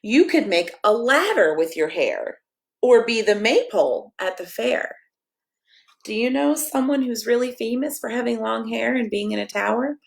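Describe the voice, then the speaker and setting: Her voice is fairly high and creaky, with lively intonation at a normal speed. She is a middle-aged American pastor reading playfully to children in a sing-song manner and chatting with them at story time.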